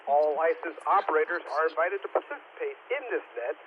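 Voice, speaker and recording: A man's voice: on the high side, brisk. A man acting as net control operator on a two-way radio with static, reading a formal net preamble and spelling call signs phonetically. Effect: heard over two-way radio with static. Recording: tinny radio transmission with faint static.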